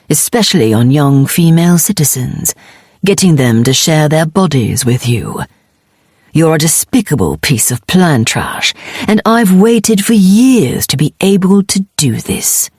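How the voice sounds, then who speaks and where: A woman voicing a ruthless woman mercenary captain who talks in calm, sarcastic menace. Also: on the low side, unhurried, husky, dry recording, clean studio sound, full character voice. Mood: contemptuous.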